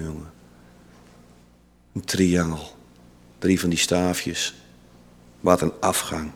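A man giving a sermon in a church hall, telling a story with dramatic pauses and voicing its characters. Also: medium pitch. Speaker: preacher. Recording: long reverb of a large hall.

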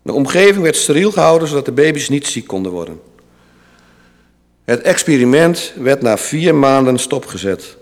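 A man giving a sermon in a church hall, telling a story with dramatic pauses and voicing its characters. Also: mid-range voice, sing-song. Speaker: preacher. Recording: long reverb of a large hall.

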